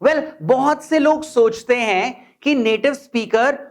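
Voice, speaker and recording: A man whose first language is Hindi, teaching English pronunciation in a video lesson explained in Hindi, repeating words slowly and deliberately for practice. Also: very high-pitched.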